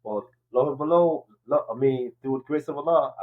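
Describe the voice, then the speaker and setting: A man sharing his experience as a guest in casual talk, halting and often checking that he is understood. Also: medium pitch, phone-quality sound. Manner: halting, peppered with 'you know what I mean' check-ins. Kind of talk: casual conversational testimony.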